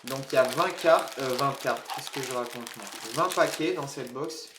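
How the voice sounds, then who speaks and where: A chatty man hosting a live card-opening stream from a room at home. He greets viewers in the chat, laughs at his own jokes and keeps up a loose running talk. His voice sits at a middle pitch, and the room gives it a noticeable echo. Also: moderate pace, background noise.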